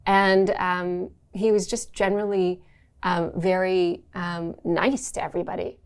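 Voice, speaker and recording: A woman's voice: lowish voice, flat delivery, a little slow, clean tone. A woman being interviewed, answering in a reflective, conversational way. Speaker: interview guest, brand executive.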